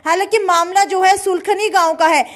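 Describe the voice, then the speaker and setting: Very high-pitched woman reading breaking news. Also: steady tone, normal speed. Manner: repeats filler phrases between news items. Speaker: local news presenter. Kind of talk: breaking news bulletin, semi-formal spoken delivery.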